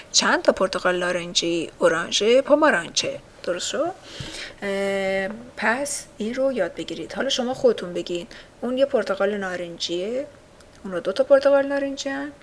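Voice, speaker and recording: A woman in the middle of her range walks learners through a language lesson. She says each word slowly and repeats it for practice. A faint hiss of noise sits under her voice. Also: mid-range voice, a bit bright. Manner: patient, repeats words slowly and drills learners. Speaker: language teacher.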